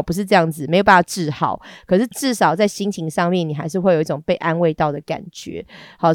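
A woman hosting a podcast. She sounds hoarse and congested, and she chats in a frank, bawdy, giggly and rambling way. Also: fairly low pitch, no room sound, studio quality. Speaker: podcast host. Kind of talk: casual solo podcast chat.

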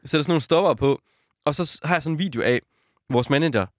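A young man co-hosting a podcast, telling a story in a casual, animated way and laughing often. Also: fairly high pitch, no echo, studio quality. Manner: animated storyteller, acts out quotes, laughs a lot. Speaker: podcast co-host.

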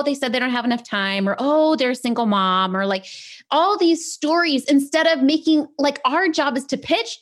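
A woman coach hosting a live teaching talk, chatty and upbeat, leaning on "like" and "right?" and laughing often. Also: high-pitched. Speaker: business sales coach, show host.

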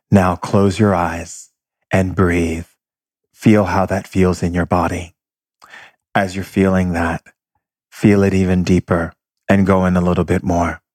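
A man leading a guided meditation with slow, calm instructions. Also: low voice, no room sound, clean studio sound.

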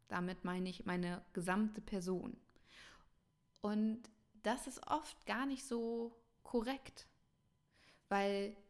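A woman coaching her listeners in a calm, measured reflective talk, addressing them directly. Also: medium pitch. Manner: slow, thoughtful pauses.

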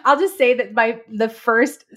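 A woman's voice: fairly high pitch, unhurried. A woman guest on an interview show, talking in a bubbly, giggly way with many fillers. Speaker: guest author and fitness instructor. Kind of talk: casual interview.

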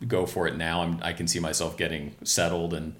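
A middle-aged American man with a very low voice tells stories easily, laughing often and leaning on fillers. He speaks as a relaxed interview guest. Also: brisk. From Maryland, USA. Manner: chatty, laughing, many fillers. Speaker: screenwriter guest. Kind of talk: casual interview chat.

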